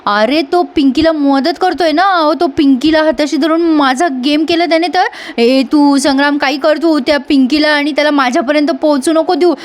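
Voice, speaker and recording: A woman's voice: sits high, moderate pace, pitched above the performer's own voice, lightly acted. A woman voicing a scheming, frightened middle-aged mother who talks fearfully and urgently.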